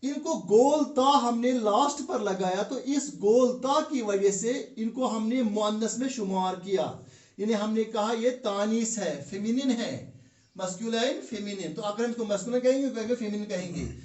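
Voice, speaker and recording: A man with a Kashmiri accent teaching Arabic grammar in a classroom lesson, drilling word pairs slowly with fillers. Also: high-pitched, a little mellow. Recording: echoey room, from far off.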